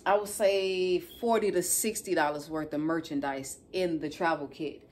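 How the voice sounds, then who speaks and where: A woman's voice: sits low, normal speed, a little mellow, slight background noise. A woman in her thirties with a Chicago accent, chatting casually and colloquially as she tells a story in a vlog. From Chicago, United States. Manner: conversational, colloquial, frequently tags phrases with "you know what I'm saying". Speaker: nail technician vlogger. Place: living room at home, indoors.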